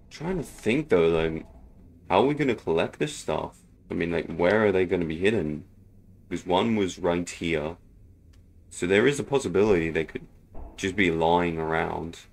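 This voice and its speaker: Low-voiced man narrating a horror game. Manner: chatty, thinks out loud, jumpy exclamations. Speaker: gaming video host. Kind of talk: casual horror game commentary.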